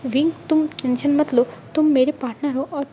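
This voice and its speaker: A woman's voice: high voice, fairly even intonation, normal speed, mellow, slight background noise, close to an everyday voice. Lan Zhan, a woman doing a devoted young husband. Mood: tender. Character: young man, devoted, reassuring loving husband.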